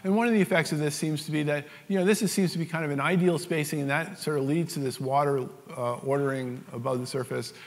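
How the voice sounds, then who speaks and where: A man with a New York accent gives a technical lecture, his voice sitting a little high for a man. He explains patiently, with frequent ums and self-corrections along the way. His voice carries a long reverb from a lecture hall. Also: steady tone, fast talker, few pauses. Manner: explanatory, frequent fillers and restarts. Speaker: scientific lecturer.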